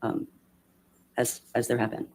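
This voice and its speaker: Mellow, hesitant witness on the stand. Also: male voice. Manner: hesitant, halting. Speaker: witness testifying. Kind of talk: courtroom testimony. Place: courtroom.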